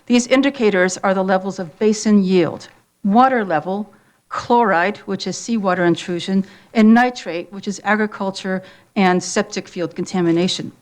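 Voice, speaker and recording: A woman resident giving a prepared public comment at a hearing, measured and formal. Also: medium pitch.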